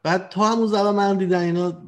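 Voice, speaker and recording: A man's voice: high-pitched, fairly even intonation. Hesitant male host, casual talk. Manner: conversational, hesitant, many fillers. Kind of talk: casual chat.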